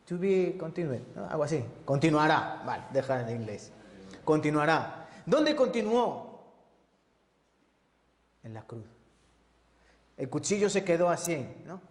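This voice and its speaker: A man teaching a Bible sermon as an evangelist, often asking the congregation questions and checking with tag questions. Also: medium pitch. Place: church. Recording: echoey church hall.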